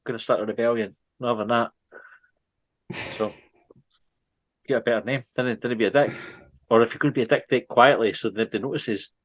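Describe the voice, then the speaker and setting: A Scottish man in casual comedy-podcast chat, swearing freely and rambling through his points. His voice sits at a middling pitch, recorded dry and close with no room sound. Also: a little fast, long pauses, fairly bright tone, no room sound. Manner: sweary, rambling, easily breaks into laughter. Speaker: podcast co-host.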